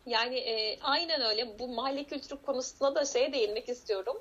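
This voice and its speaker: A woman with a high, breathy-edged voice talks earnestly and reflectively as a guest. The recording is dull and lo-fi. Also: fast talker, fairly bright tone. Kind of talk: casual conversation. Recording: dull lo-fi sound.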